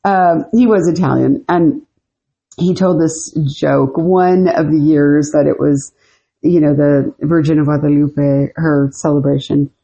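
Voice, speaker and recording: The woman speaks unhurriedly in a low, steady, creaky voice that is mellow and husky, and the recording's highs are cut off. As a podcast co-host, she tells stories casually and loosely, with many fillers.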